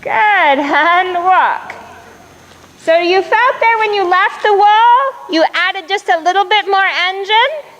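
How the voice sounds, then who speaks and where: A woman coaching a riding lesson, projecting brisk, encouraging commands to her student in a riding arena. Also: very high voice, fairly bright tone. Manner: encouraging, praising the rider. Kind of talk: live riding lesson instruction.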